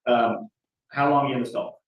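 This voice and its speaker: A man's voice: mid-range voice, steady tone, fairly quick, highs cut off. A man cross-examines a witness on a courtroom recording. His questions come in a folksy, conversational way. He sits far from the mic in a heavily echoing room, with a faint hiss. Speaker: defense attorney. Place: large courtroom, indoors.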